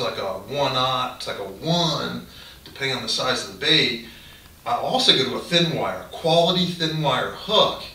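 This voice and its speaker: A man's voice: mid-range voice, recorded from a distance. A middle-aged man gives casual, rambling how-to advice straight to the camera in a cluttered garage. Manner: relaxed, rambling, gestures with hands while explaining. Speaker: fishing channel host. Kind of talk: casual instructional talk to camera. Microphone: camera mic from a few feet away. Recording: roomy garage echo, off-mic, faint hiss.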